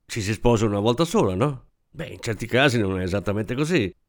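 A man's voice: fairly low pitch, animated, fairly quick. A man voicing a chatty, effusive woman who sells dresses, with gushing sales patter. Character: chatty middle-aged woman dress seller.

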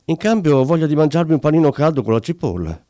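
A man's voice: on the high side, very animated, fast, mellow, no room sound, studio quality, pitched above the performer's own voice. A man voicing a timid barber who stammers and fumbles for excuses. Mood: casual. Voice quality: hesitant, stammering. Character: timid, flustered middle-aged barber.

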